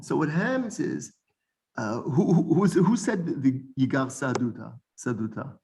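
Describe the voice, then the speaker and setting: A man teaching an informal Bible study lesson, animated, often repeating words and restarting sentences. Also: medium pitch, moderate pace, gravelly, a little hiss or hum.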